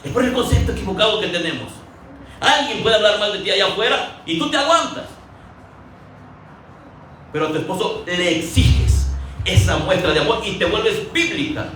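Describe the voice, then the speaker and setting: Preaching with a high-sitting, somewhat bright voice, this man uses lively intonation, a moderate pace and long pauses. He keeps the sermon conversational, telling stories and acting out quotes, captured from far off in an echoey hall with faint ambient noise.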